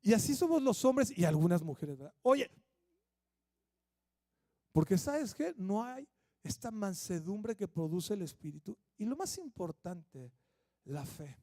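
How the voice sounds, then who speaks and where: A middle-aged man preaching a sermon at a church service, conversational and lively, acting out little quotes. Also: high voice, unhurried, long pauses, dry recording, studio quality. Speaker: pastor.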